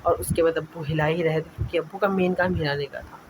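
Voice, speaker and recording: A man's voice: a little high, steady tone, fast talker. A young man narrating his home vlog in a casual voice-over, chatty and rambling, often correcting himself mid-sentence. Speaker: vlogger. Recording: noisy voice-over recording.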